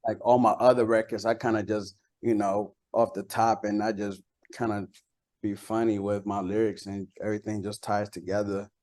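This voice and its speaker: Moderate in pace, with a lowish, darkish voice and level tone, a Costa Rican man from San Jose chats casually in an interview. Spanish is his first language; he's a bilingual rapper and songwriter whose speech is loaded with "like" and "you know."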